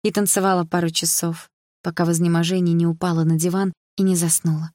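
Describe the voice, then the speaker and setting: A woman's voice: on the low side, flat delivery, fast talker, warm tone, no room sound, studio quality. A woman narrating a first-person romance novel in an intimate, emotional way. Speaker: audiobook narrator.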